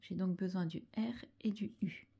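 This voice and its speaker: A woman teacher guides young children through writing syllables, taking her time over every sound. Her voice is mellow and a little husky, and she often sinks into a soft half-whisper as she spells each letter out. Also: medium pitch, moderate pace. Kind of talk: handwriting lesson for young children.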